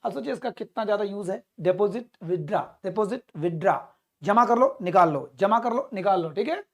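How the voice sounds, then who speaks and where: A male teacher runs a spoken-English class, repeating each phrase several times as a drill. He often pauses to quiz his listeners and talks to them as comrades, with an emphatic tone. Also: high-pitched, animated.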